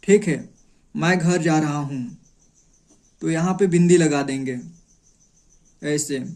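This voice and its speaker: A man with a fairly high voice teaches the script slowly, breaking words into syllables and saying each sound several times. He speaks unhurriedly and patiently, pausing between short phrases. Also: a little mellow. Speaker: Hindi teacher. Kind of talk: slow step-by-step lesson.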